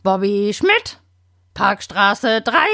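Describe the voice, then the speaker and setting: A woman voicing a small talking male budgie with a hoarse, croaking voice, saying words slowly and drawn out. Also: medium pitch, very animated, sharp tone, no room sound, studio quality, exaggerated voice. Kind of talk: children's audio story.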